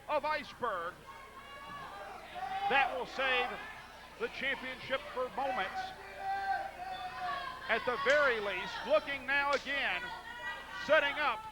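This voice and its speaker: A man calling wrestling play-by-play in excited, dramatic, emphatic bursts of clipped calls. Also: very high voice. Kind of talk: excited sports commentary. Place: wrestling arena at ringside. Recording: loud crowd and music, noisy arena broadcast.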